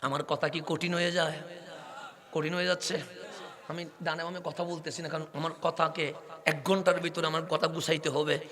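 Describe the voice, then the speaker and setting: A man from Chittagong with a Chittagonian Bengali accent preaching a waz sermon, speaking fast and rising into impassioned shouting with rhetorical questions to the crowd. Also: on the high side, little pitch movement. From Chittagong, Bangladesh. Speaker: Islamic preacher.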